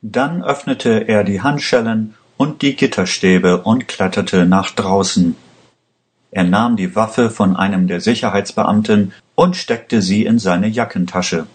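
A man reading a story aloud in a plain, even storybook manner. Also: fairly low pitch. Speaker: narrator. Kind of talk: slow scripted story narration.

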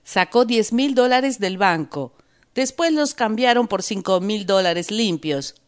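A woman voicing a stubborn electrician who defends himself and shouts back, read slowly for learners. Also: medium pitch, expressive, voice pushed up, natural voice. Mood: defensive. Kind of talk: reading a story aloud for learners.

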